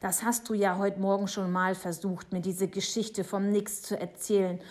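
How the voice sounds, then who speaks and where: A patient, careworn father who talks to his son in a calm, soothing way, as a woman narrator reads his lines. The delivery stays close to an everyday reading voice in a children's audiobook. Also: medium pitch, moderate pace, lightly acted. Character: worried, gentle father, patient and tired. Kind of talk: audiobook character voice.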